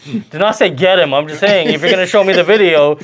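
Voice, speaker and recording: A man's voice: high-pitched, quick pace, low-quality recording. A man co-hosting a casual podcast, reacting to internet videos with teasing banter and frequent laughter. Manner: teasing, laughs often, playful. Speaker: podcast co-host.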